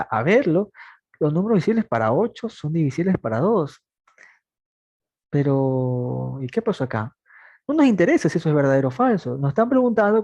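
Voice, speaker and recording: A man in his twenties with a fairly high, darkish voice and no room sound teaches a math logic class online. He patiently asks students questions, answers them himself, repeats points and speaks plainly.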